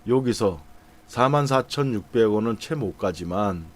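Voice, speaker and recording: Animated yet unhurried, a middle-aged man with a fairly low voice goes over stock charts for his audience. His market commentary is casual, full of fillers as he thinks aloud.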